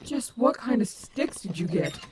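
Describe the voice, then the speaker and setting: A woman's voice: a little high, big pitch swings, normal speed. Woman acting snarky animatronic wolf, noisy background. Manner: sarcastic, blunt. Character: snarky, hot-tempered female animatronic wolf, protective underneath. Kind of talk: audio roleplay acting.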